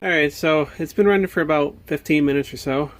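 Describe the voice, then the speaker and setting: A fairly high-pitched, fairly quick American male voice, with no room sound, belongs to a hobby video maker doing show-and-tell at his home workbench. He sounds puzzled, thinking aloud with hesitation.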